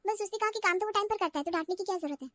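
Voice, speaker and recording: A shy young bride voiced by a woman answers politely and hesitantly in a cartoon, sometimes stammering. The voice is high and bright, recorded close and dry. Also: very fast, no room sound. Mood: nervous. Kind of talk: cartoon voice acting.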